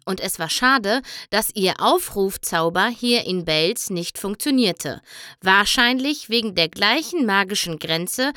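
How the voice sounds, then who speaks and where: Frau liest langsam und ausdrucksvoll vor. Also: female voice, medium pitch, no room sound, clean studio sound. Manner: slow, expressive reading. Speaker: reader. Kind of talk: storybook narration.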